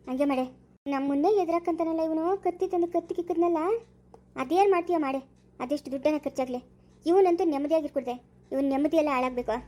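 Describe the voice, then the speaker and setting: A woman's voice: high-pitched, mellow, close to an everyday voice. A woman playing a scheming, vengeful village woman who grumbles her revenge plans aloud in a homemade family drama.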